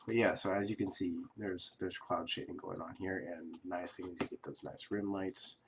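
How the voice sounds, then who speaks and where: A man who is sick and coughing, casually talking through a software tutorial at his computer, rambling and correcting himself with fillers. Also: low voice, steady tone, moderate pace, a little hiss or hum. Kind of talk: casual screen-recorded tutorial.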